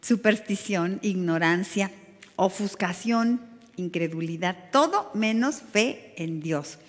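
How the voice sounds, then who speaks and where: Mexican woman pastor, mid-pitched, preaching with lively rhetorical questions; recorded in a church hall with long reverb. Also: takes it slowly. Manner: animated, rhetorical questions, dramatic emphasis. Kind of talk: sermon to a women's group.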